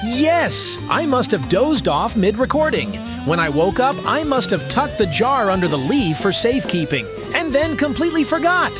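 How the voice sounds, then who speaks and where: A man as an animated, earnest young bird. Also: very high voice, moderate pace, hardly any pauses, over music. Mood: sheepish. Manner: earnest, flustered, wordy. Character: earnest, anxious young male bird, imaginative sound recordist. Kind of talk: scripted audio story acting.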